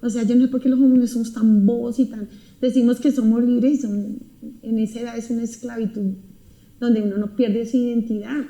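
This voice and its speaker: A woman's voice: a little high, flat delivery, a little fast, dark tone. A woman giving an emotional personal testimony, talking earnestly and intensely and repeating her words. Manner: earnest, intense storytelling with repetitions. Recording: roomy echo.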